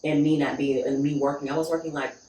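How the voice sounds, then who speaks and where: A woman's voice: deep voice, fast talker. A woman from Pittsburgh, a guest telling her personal story in conversation and acting out what she said back then. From Pittsburgh, USA. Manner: animated storyteller acting out her own past lines. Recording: echoey room, distant mic, faint noise.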